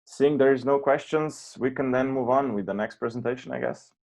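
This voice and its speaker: A man moderates an online meetup over a video call. He speaks casually and informally, at an everyday middle pitch. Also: a little fast, vocal fry, rough recording. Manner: relaxed, informal. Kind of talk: casual chat.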